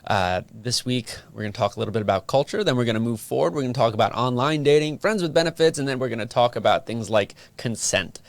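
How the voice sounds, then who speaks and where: On this dry recording, a mid-range male voice leads a relaxed interview for his relationship podcast. As host, he keeps things friendly and asks his guest one rapid question after another.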